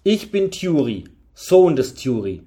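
A man's voice: on the high side, lively intonation, moderate pace, a little mellow, roomy sound, lightly acted. A man reading the part of a proud, defiant young would-be knight in an audiobook, speaking raised and insistent.

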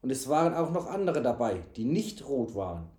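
A man voicing a cowardly young male servant who wails in high yelps. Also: sing-song, normal speed, mellow, lightly acted. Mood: grudging. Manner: wailing, high-pitched yelps. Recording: echoey room.

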